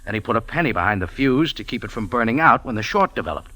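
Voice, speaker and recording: A man stars as the first-person narrator of an old radio drama, a wry, tough cafe owner and amateur sleuth, delivering 1940s-50s hard-boiled lines in a clipped, dry, cool way as he explains. His medium-pitched voice is sing-song, fast, bright and forceful. It's a dry old recording with music in the background.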